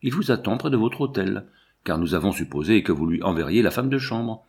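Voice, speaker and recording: A man's voice: fairly low pitch, lively intonation, brisk, a little mellow, slightly rough. A man reading an earnest young physicist.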